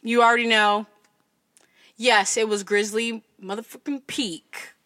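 A woman in her twenties from California, hosting a podcast and telling a story in a loud, chatty voice full of "like". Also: fairly high pitch, flat delivery, a little slow, dry recording, clean studio sound. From California, USA. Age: 20s. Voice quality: loud speaking voice. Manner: chatty, fills speech with "like" and "I'm just like". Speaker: podcast host. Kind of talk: casual storytelling.

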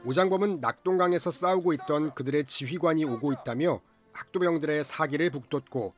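A man delivering scripted film recap narration in a formal storytelling manner. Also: fairly high pitch.

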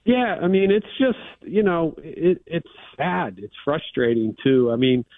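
A man's voice: fairly high pitch, lively intonation, unhurried, no room sound. A man's voice arrives over a remote satellite hookup, thin and narrow like a phone call, with a dry, close sound. He is a Pittsburgh-raised athletics official chatting easily as a radio guest, leaning on "you know" as he talks. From Pittsburgh, USA. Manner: easygoing, many "you know" fillers. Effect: remote satellite line, phone-like sound. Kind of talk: casual radio interview. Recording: tinny remote phone-like line.

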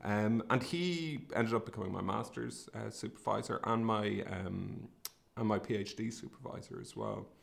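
A man's voice: lowish voice, normal speed, creaky. A middle-aged man with a west of Ireland, Sligo accent, talking conversationally and a little hesitantly, as if thinking aloud while telling a story. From Sligo, northwest of Ireland. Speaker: academic researcher and podcast host. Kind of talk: casual conversational career storytelling.

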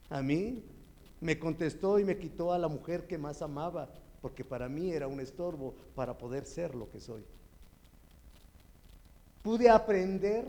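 Gravelly Mexican man giving tearful testimony. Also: on the high side, warm tone. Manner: tearful, heartfelt storytelling. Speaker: church member giving testimony. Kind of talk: emotional personal testimony.

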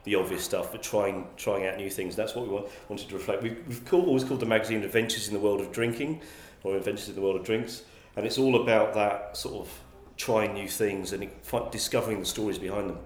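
This magazine publisher from England has a voice on the low side and talks quickly with few pauses. Appearing as an interview guest, he considers his answers but keeps restarting sentences and repeating words. The audio has a roomy echo.

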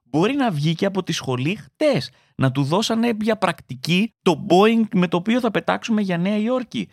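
In a studio-quality recording with no echo, a young man delivers a comedic stand-up style monologue. He tells stories animatedly, voicing the people he quotes with large pitch leaps.

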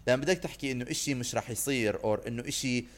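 This is a man co-hosting a casual podcast. He talks quickly at a middle pitch and drops English phrases into his chat. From Iraq. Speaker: podcast co-host.

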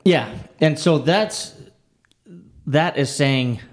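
Earnest man talking through scripture. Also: fairly high pitch. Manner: earnest, halting, with many restarts and "you know". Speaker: Bible study podcast co-host. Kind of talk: casual Bible discussion.

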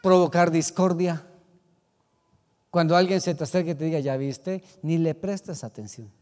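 A man preaching a sermon as pastor, swinging from loud exclamations to quiet asides. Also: on the high side, moderate pace, big-room sound.

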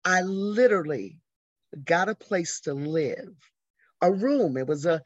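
A woman in her sixties from the American South tells her life story as an interview guest. She is an animated storyteller who acts out the voices of the people she quotes. The sound is dry and close, with a slightly dull, lo-fi quality. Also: fairly low pitch, slow, dry recording. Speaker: interview guest, arts educator. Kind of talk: conversational storytelling.

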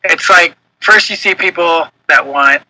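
A man's voice: sits high, measured pace, pushed and bright, no echo, low-quality recording. A man co-hosting a podcast, chatting casually and hesitantly with many fillers. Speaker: podcast co-host. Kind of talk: casual chat.

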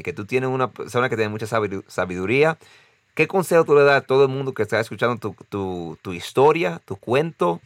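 A young man with a mid-range voice hosts a podcast in a relaxed way, laughing a lot and restarting his words. His Spanish carries a mix of Dominican and American accents. It's a casual interview wrapping into an outro, recorded dry.

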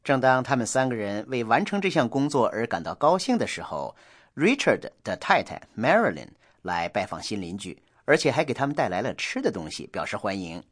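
A man hosting a scripted radio English lesson, explaining in a measured, steady way. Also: medium pitch. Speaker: language lesson host.

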